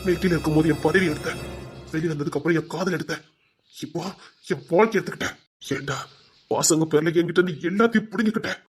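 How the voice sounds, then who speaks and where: An actor playing a bitter, vengeful man who swears revenge in a TV serial, threatening, at times shouting and at times sobbing. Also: quick pace, soft background music, close to an everyday voice. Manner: bitter, menacing, swings loud to low. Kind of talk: TV serial drama.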